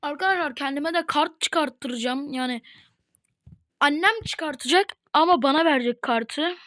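A woman at home chatting casually to her viewers while playing a game, chatty and prone to excited, dramatic outbursts. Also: high voice, moderate pace, no echo. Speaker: gaming video host. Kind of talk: casual gameplay commentary.

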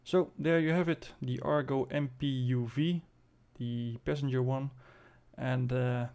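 A man giving casual commentary as host of a game showcase, halting and thinking aloud as he demonstrates. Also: medium pitch, steady tone, darkish tone, smooth. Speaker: video host presenting a game spaceship.

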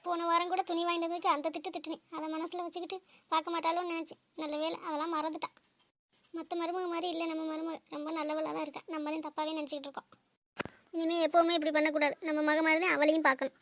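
A woman's voice: extremely high pitch, level tone, fast, a bit bright. A woman voicing an ailing older mother-in-law in a home-made cartoon, plaintive and remorseful. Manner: plaintive, pleading tone.

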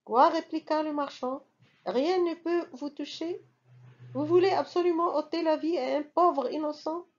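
A frightened, pleading merchant begging for mercy, voiced by a woman reading a storybook. The delivery is high and unhurried, on a slightly dull, lo-fi recording. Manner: trembling, pleading.

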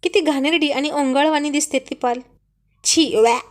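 A woman's voice: high-pitched, fairly even intonation, normal speed, natural voice. A woman voicing a fussy, stubborn young wife who is scared of a lizard, talking in squealing, petulant complaints. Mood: shrieking, disgusted.

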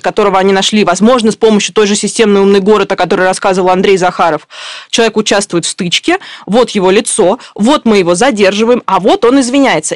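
A woman's voice: medium pitch, no room sound, studio quality. A woman reporter explaining events in a news discussion at length, with many fillers and restarts.

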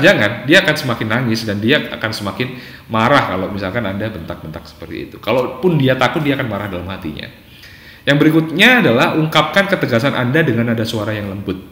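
A man's voice: medium pitch, a bit bright. A man who is a psychologist, explaining parenting steps point by point in a talk and acting out short examples. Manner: acts out short parent and child exchanges in a raised voice. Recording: echoey, reverberant room.

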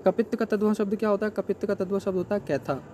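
A man with a high, mellow voice takes learners through an exam paper as their tutor. He asks each question out loud and then answers it himself, step by step. A faint hiss of noise sits under the recording. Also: fairly even intonation, racing.

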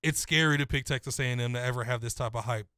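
A young man co-hosting a casual sports talk show, giving a confident, detailed breakdown in a steady flow. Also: mid-range voice, fast, no echo, clean studio sound. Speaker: co-host.

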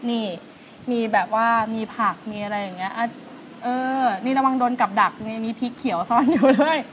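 A young woman hosting a food vlog, chatty and excitable, walking through seafood dishes at a seaside restaurant. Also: on the high side, noisy background. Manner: chatty and excitable, lots of fillers and exclamations. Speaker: food and travel vlog host. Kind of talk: casual food review walkthrough.

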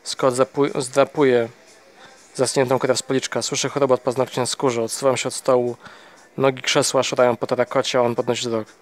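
A man narrating a novel in the first person at a middling pitch. His reading is steady and plain, though he stumbles and restarts a word now and then. It sounds like a home audiobook reading. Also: brisk. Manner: steady, with small slips and restarts.

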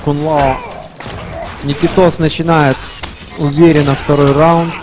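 A man commentates live at a gaming tournament in a casual, chatty way with playful asides. His voice sits a little high, and music plays prominently behind him. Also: little pitch movement, measured pace. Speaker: esports commentator.

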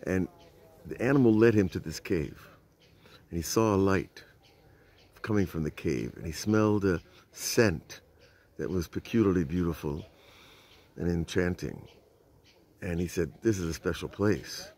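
This rabbi, an older man, speaks in a low, slightly mellow voice at a measured pace, often pausing as he teaches Torah outdoors at night near old stone walls. A phone camera held at arm's length captures him telling the story casually and asking his listeners rhetorical questions.

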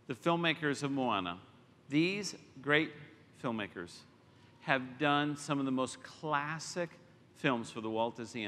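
A man's voice: mid-range voice, pushed and bright. A man in his fifties, a presenter, giving a proud, ceremonious stage introduction. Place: large indoor arena stage. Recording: reverberant arena sound.

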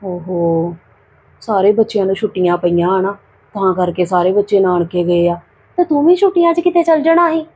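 A woman playing a sickly, put-upon young aunt who talks softly and wearily to a child in an amateur family drama. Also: mid-range voice, normal speed, breathy edge, close to an everyday voice. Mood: weary.

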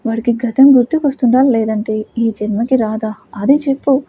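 Woman voicing an anxious young man, worried, emotional, husky mellow voice, audio story. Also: a little high, fairly even intonation, normal speed, no echo. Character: anxious young man, devoted friend of a coma patient.

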